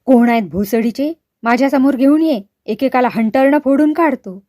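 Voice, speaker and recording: A woman reading the lines of a stern, hot-tempered older father in a storybook, gruff and scolding. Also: sits high, normal speed, dry recording, studio quality, natural voice. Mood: furious. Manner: gruff, scolding, shouting in anger.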